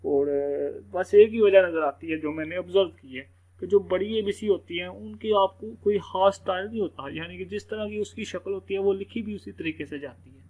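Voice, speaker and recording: A man's voice: high voice, moderate pace, narrow, tinny audio. Chatty male teacher. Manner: loose, repetitive, full of "theek hai" fillers. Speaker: English teacher. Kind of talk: casual screen-recorded lesson.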